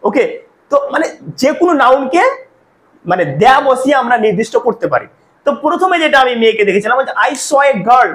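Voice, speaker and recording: A man's voice: very high voice, fairly bright tone, low-quality recording. A man teaching English grammar to Bengali-speaking students, with a Bengali accent, explaining step by step and often checking that students follow. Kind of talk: grammar lesson.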